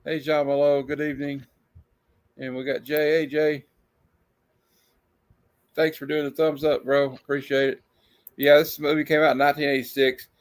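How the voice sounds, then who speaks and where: A man's voice: a little high, level tone, moderate pace, pauses often. A man hosting a horror movie show in a casual horror-host manner, chatting loosely as on a livestream.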